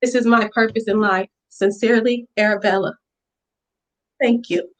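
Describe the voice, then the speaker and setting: A woman presenting a pitch for her hair salon in an earnest, heartfelt way. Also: steady tone, normal speed, rough recording. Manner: earnest and emotional, fighting back tears at times. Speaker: business pitch contestant, hair stylist. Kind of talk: virtual business pitch presentation.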